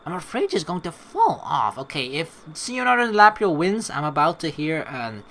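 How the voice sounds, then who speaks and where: The voice belongs to a man on the high side, speaking at a normal speed on a close mic. He's a let's play streamer who reads the narration aloud and jokes through his playthrough in a casual, animated way, swearing freely.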